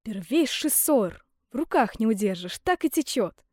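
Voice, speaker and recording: A woman's voice: a little high, very animated, moderate pace, no echo, clean studio sound. A woman reading a storybook aloud, voicing a boisterous, cocky young simpleton man who whoops and boasts. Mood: gleeful. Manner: loud whooping, brash and gleeful.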